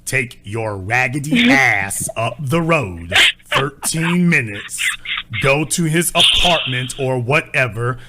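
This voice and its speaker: A man's voice: mid-range voice, expressive, slow pace, heavy background noise. A man hosting a call-in advice show, who lectures a caller in a blunt, scolding and crude way. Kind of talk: call-in relationship advice talk.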